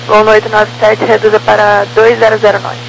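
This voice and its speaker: Over a humming, noisy aviation radio, a female approach controller with a Brazilian Portuguese accent issues terse instructions. She speaks at medium pitch in a monotone, fairly quickly, with a creaky quality.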